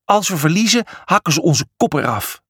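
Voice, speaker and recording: A man's voice: on the high side, big pitch swings, normal speed, fairly bright tone, husky, no echo, clean studio sound, pitched above the performer's own voice, full character voice. A man voicing an anxious, cautious male zebra who pleads with his brother. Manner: worried and pleading.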